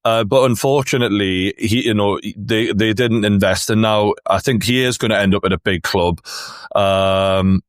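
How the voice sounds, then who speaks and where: A man's voice: lowish voice, fairly even intonation, normal speed, dry recording, studio quality. A man with a Newcastle accent giving blunt, sweary opinions in a casual football discussion as the show's host.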